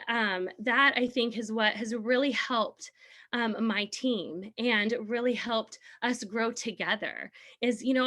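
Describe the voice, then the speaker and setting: Earnest encouraging woman, slightly high voice. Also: fairly bright tone. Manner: earnest, encouraging, sometimes laughing. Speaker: team leader. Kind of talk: motivational talk.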